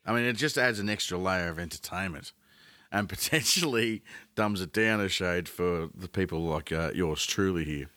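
Agreeable Australian man, low voice. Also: pushed and bright, no echo. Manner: agreeable, quick affirmations, playful. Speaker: podcast co-host. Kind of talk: casual comedic chat.

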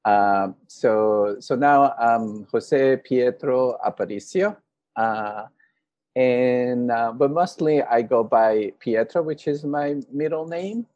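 A man's voice: medium pitch, takes it slowly, darkish tone, dry recording, highs cut off. Man, middle-aged, hesitant, filler-heavy, dry close sound. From Honduras. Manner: hesitant, many fillers and throat clearing. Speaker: panel guest. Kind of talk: casual interview storytelling.

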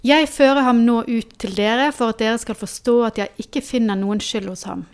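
Pilate, a man doing a high, anxious governor. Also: clear, resonant tone. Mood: tense. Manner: raised, sharp questioning. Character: anxious, imperious Roman governor, middle-aged man. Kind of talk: dramatic scripture reading.

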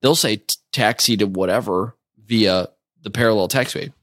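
A man's voice: on the low side, a bit bright, no echo, clean studio sound. A man who flies for a living, chatting casually and walking through radio calls in plain steps. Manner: explains fast, in plain steps. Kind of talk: casual chat.

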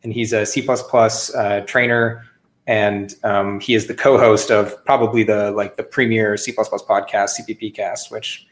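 A man's voice: on the low side, level tone, normal speed. A man hosting a casual interview podcast, recorded in an echoey apartment room that sounds like a big hall. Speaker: podcast host.

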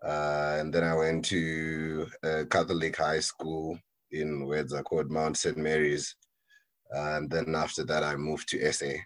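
A Zimbabwean-accented actuary in his thirties chats casually as a podcast guest, recounting his background. His voice is very deep, monotone, and unhurried.

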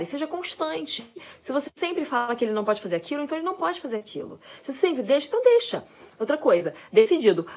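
A medium-pitched mother chats casually to viewers, giving parenting advice. She talks fast and animatedly, and even describes herself as a fast talker.

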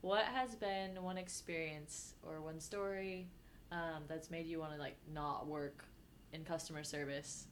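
A woman's voice: deep voice, fairly even intonation, unhurried, slight background noise. A woman hosting a podcast who chats casually and asks easygoing questions to prompt her guest. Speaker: podcast host. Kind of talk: casual chat.

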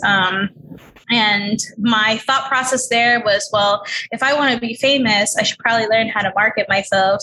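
A woman's voice: fairly high pitch, sharp tone, a little hiss or hum. A young woman from New City, chatting as a podcast guest with many fillers. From New York City. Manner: chatty, lots of fillers and likes. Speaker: guest, author. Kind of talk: casual interview.

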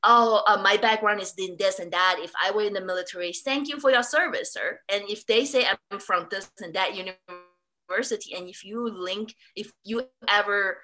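A woman's voice: medium pitch, normal speed, sharp tone, soft background music. A woman from Singapore speaking in a casual interview, chatty with many fillers and restarts. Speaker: interviewee, former student.

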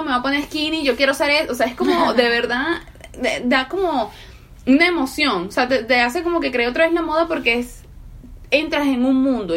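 A woman with a notably high voice chatting casually. She keeps looping back with fillers and restarts, full of enthusiasm for the subject. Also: fairly bright tone. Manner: chatty, fillers like "o sea" and "literal". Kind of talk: casual chat about fashion.

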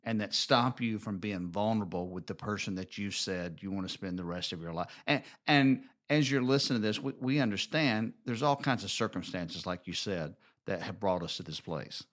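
A man's voice: lowish voice, moderate pace, hardly any pauses, a bit bright. A middle-aged man with an Alabama accent, co-hosting a casual talk and often rephrasing as he goes. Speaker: co-host of a marriage show.

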